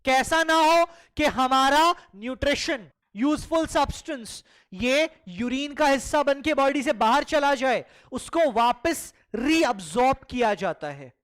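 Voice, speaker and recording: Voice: high voice, expressive, measured pace, few pauses, fairly bright tone. A biology teacher giving a classroom lecture who keeps asking the class questions and answering them, repeats words for emphasis, and calls the students children. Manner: mixes Hindi and English freely.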